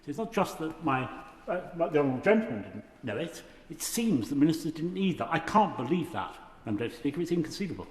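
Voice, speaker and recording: A man makes a formal, emphatic parliament speech from the floor. His voice is slightly high and fast, echoing around a large chamber. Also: big pitch swings. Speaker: member of parliament, former minister. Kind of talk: parliament speech, intervening in debate.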